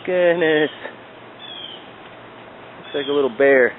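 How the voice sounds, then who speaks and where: Man, fairly high voice, slow and easy, coaxing a pet dog outdoors; tinny handheld camera audio with faint background noise. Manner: playful, coaxing baby talk to a dog. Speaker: dog owner filming his pet. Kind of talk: casual talk to his dog while filming. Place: outdoors in a back yard. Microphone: handheld video camera.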